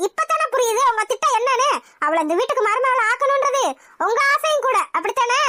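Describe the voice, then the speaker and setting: Shrill domineering cartoon mother. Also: lively intonation, quick pace, sharp tone, soft background music, heavily acted. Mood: scornful. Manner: shrill, scornful ranting. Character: domineering middle-aged mother, proud and scornful. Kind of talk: cartoon voice acting.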